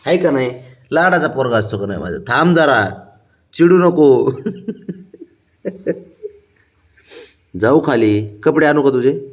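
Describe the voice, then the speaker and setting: A man's voice: medium pitch, expressive, normal speed, long pauses, roomy sound. A man who coaxes his sulking pet in affectionate baby talk, with chuckles between lines. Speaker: pet owner coaxing his cat. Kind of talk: casual pet vlog talk.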